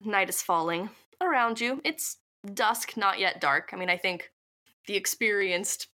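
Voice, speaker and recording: A woman's voice: medium pitch, a little slow, sharp tone. A woman narrating as game master of a tabletop game, chatty with many fillers and asides.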